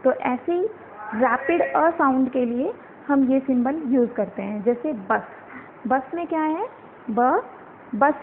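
A woman leads a phonetics lesson, her voice pitched high. She explains step by step, mixing English words into her speech and answering her own questions. The audio is thin and phone-like, with a faint hiss behind it. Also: a little slow. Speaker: teacher. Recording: tinny phone-quality audio with faint noise.

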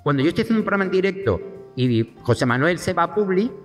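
A man telling a lively anecdote as a talk show guest, acting out the voices of the people in his story. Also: sits high, fast talker, long reverb tail, faint music behind.

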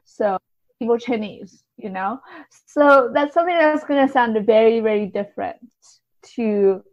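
A woman guest on an interview, a literary translator, explains things conversationally, hedging with plenty of softeners. Her fairly high voice has lively intonation and a moderate pace, captured in dull, lo-fi audio.

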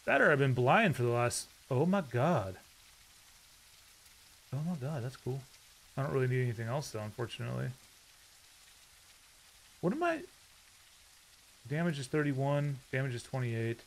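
A man's voice: mid-range voice, moderate pace, creaky, slight background noise. A man giving casual, rambling commentary while playing a game, often breaking into startled outbursts. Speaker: gaming YouTuber.

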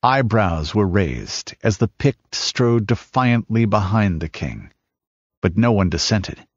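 A man's voice: fairly low pitch, dry recording. Man narrating a sword-and-sorcery audiobook. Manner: measured dramatic reading, building in the battle scenes. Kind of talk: scripted narration. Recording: dull lo-fi audiobook recording.

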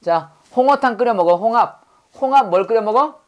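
A woman's voice: a little high, lively intonation, fairly quick, dull audio. A woman teaching English vocabulary in a lesson, drilling words by repeating them and quizzing her students. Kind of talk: call-and-response language lesson.

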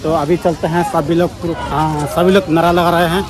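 A man's voice: a little high, fairly even intonation, normal speed, very noisy. A young man vlogging casually to viewers from a street rally, chatty and calling them brother. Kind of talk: casual vlog narration at a rally. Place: outdoors on a crowded street. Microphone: phone held at arm's length. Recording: loud crowd behind.

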